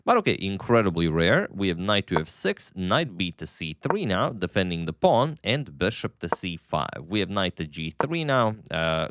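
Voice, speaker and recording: A man doing move-by-move chess commentary in a hesitant delivery full of drawn-out uhs. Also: low voice, a bit bright, clean tone, dry recording, clean studio sound.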